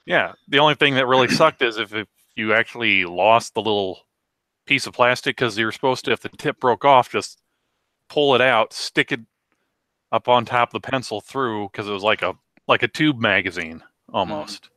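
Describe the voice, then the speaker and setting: A man's voice: medium pitch, moderate pace, bright, forceful tone, dry recording. A man co-hosting a casual livestream, trading dry jokes and explaining things at length. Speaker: livestream co-host. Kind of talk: casual chat.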